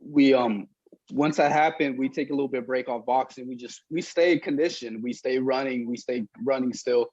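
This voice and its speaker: Young male athlete interviewee, rough husky tone, casual and plain-spoken, dull recording. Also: mid-range voice, moderate pace, a little mellow, dry recording. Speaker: boxer being interviewed.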